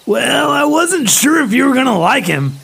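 A man voicing an excitable young male buddy who talks in laid-back slang. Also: extremely high pitch, moderate pace, creaky, heavily acted, low-quality recording. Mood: upbeat.

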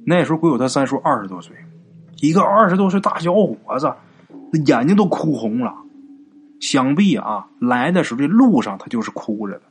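Unhurried male storyteller. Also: fairly high pitch, sing-song, breathy edge. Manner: unhurried, colloquial, with chatty asides. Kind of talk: ghost story narration.

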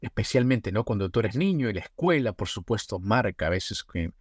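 A man's voice: on the low side, lively intonation, moderate pace, husky, dry recording, studio quality. A man hosting a podcast interview, rambling and rephrasing, often tagging on "¿no?". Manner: rambling, rephrasing, tag questions like "¿no?". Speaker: podcast host. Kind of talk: casual interview conversation.

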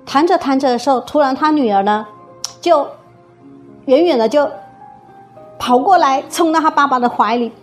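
A woman with a Taiwanese Mandarin accent, a music teacher, telling an eerie story in a lively, suspenseful way with many fillers. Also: high voice, normal speed, pauses often. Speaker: guzheng teacher recounting a story. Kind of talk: casual storytelling.

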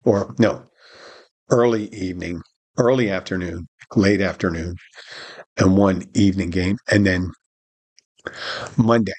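Low and a little slow, this man's voice has a breathy edge, long pauses, and no room sound. He's a middle-aged podcast host in a casual monologue, animatedly retelling a meandering story from his bartending shift, voicing the dialogue and often starting over.

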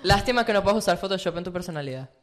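A woman's voice: fairly low pitch, expressive, rapid-fire. A woman co-hosting a casual group chat, joking and laughing with friends. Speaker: podcast co-host.

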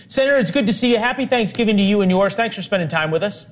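A man's voice: high-pitched, very fast. A male news show host who presents in a wry, playful way and argues his point with his sister. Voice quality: lively and wry, playfully argumentative.

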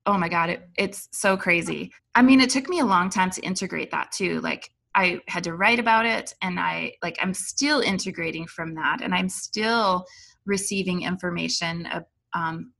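Bright, gravelly woman telling a story. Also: on the low side. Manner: animated, rambling with fillers like "like". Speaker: guest telling a spiritual story. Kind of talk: casual storytelling.

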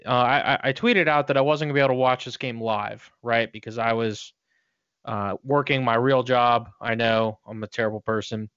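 Clear-voiced man in casual sports chat. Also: mid-range voice, fairly even intonation, normal speed, a bit bright, dry recording. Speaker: podcast co-host. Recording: dry, dull lo-fi podcast audio.

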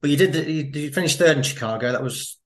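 A man interviewing a guest, mostly giving short quiet replies and asking follow-up questions. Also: a little high, fast. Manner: brief backchannel replies, quiet. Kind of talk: interview, conversational.

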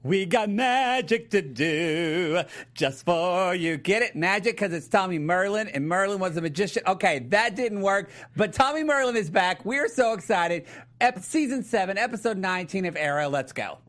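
A man hosting a casual recap show, chatting in an excitable, jokey and playful way. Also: sits high, fairly quick. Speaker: talk show host.

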